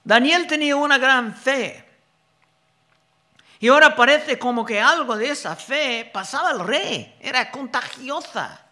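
A man preaching a sermon, reading Bible verses slowly and deliberately and explaining them. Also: very high-pitched, animated, sharp tone.

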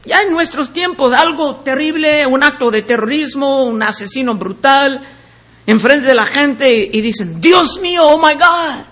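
A man teaching the Bible verse by verse. He reads each passage aloud and then explains it in a deliberate way. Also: extremely high pitch, pushed and bright.

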